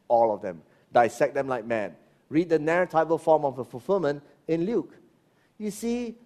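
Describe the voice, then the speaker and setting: A middle-aged pastor delivers an animated sermon, firing off rhetorical questions and dropping into low asides.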